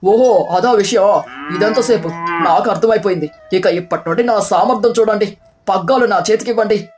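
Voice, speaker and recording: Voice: mid-range voice, fairly quick, over music, close to an everyday voice. A voice actor doing a bragging young city son-in-law. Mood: cocky. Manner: proud, bragging, bossy.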